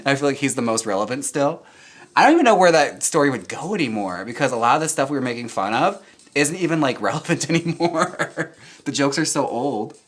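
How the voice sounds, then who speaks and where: A young man chats casually with his audience as he gets ready, reading comments aloud. He's campy and chatty and laughs easily, with a voice that sits at an ordinary middle pitch. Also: animated, moderate pace, a bit bright. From United States. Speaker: drag performer and channel host. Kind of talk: casual chat while reading viewer comments.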